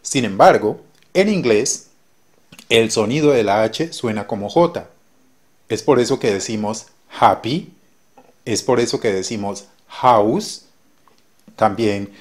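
Friendly man teaching a language lesson. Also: lowish voice. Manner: friendly, explains slowly with examples. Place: based in Jamaica.

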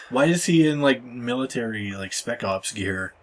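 A young man giving casual, joking commentary over a video game and yelling catchphrases as he plays. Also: mid-range voice, expressive, a little slow. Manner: joking, yells catchphrases while playing. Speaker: let's-play host.

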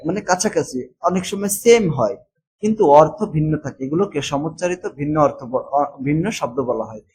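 A man, teaching a textbook lesson and repeating words slowly, with fillers and English words mixed in. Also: fairly high pitch, breathy edge, poor audio.

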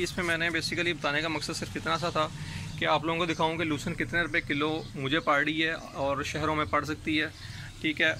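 A man's voice: a little high, pushed and bright. Man explaining hay-making on a rooftop. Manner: practical, explains step by step with many "jo hai na" fillers. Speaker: rooftop goat farming vlogger. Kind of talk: casual explanatory vlog. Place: outdoors on a rooftop, beside drying hay. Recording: outdoor recording with clear background noise.

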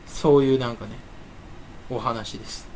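A man's voice: mid-range voice, fairly even intonation, moderate pace, noisy background. A YouTuber chatting on his own in a casual, playful, rambling way, with a stuffy nose and a habit of slipping into silly voices. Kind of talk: casual solo chat.

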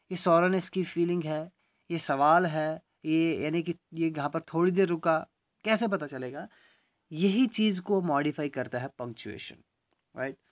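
A high-voiced man teaches grammar to exam students, mixing in English phrases and often checking with "right?". He slows right down whenever he reads out example sentences.

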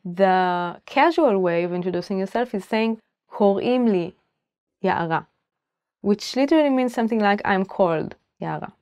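A young woman in her twenties teaching a language lesson to camera, carefully repeating each phrase before explaining it. Her voice sits mid-pitched and is recorded close and dry in a studio. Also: animated, fairly quick, darkish tone, clear, resonant tone, dry recording. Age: 20s. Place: indoor studio, plain backdrop.

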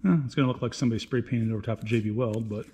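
A man's voice: medium pitch, steady tone, racing, dark tone, a little hiss or hum. A man hosting a casual workshop video, talking in a folksy, laid-back, self-deprecating way while he works. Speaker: channel host.

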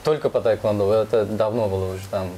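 A man in his twenties giving plain, brief answers. His voice is fairly low. Chatter carries clearly in the background. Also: fairly even intonation, fast talker. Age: 20s. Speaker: fighter guest.

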